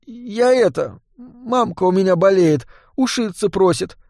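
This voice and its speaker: A man's voice: sits high, lively intonation, a little slow, darkish tone, no room sound, clean studio sound, pitched above the performer's own voice. A man doing a whiny scared street kid. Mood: whining. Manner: whiny, pleading. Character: scrawny young male street thief, scared whiny act.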